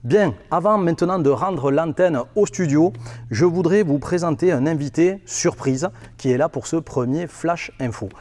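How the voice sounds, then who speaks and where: Male presenter, smooth anchor voice, a bit high and mellow, faint music in the back. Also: normal speed. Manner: polished anchor-style delivery. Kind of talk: mock broadcast presenting.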